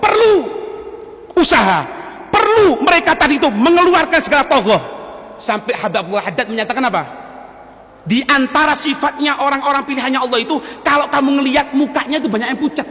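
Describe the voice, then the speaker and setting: A man preaching a Ramadan sermon in a mosque, swinging between loud stressed phrases and low, joking asides. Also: expressive, brisk. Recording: long hall reverb in a mosque.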